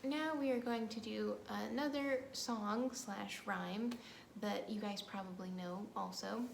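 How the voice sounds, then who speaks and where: In an echoey room with faint background noise, a woman leads storytime for young kids as a librarian, talking to them directly. She playfully recites rhymes and action songs in a sing-song way. Her medium-pitched voice has vocal fry, a steady tone and an unhurried pace.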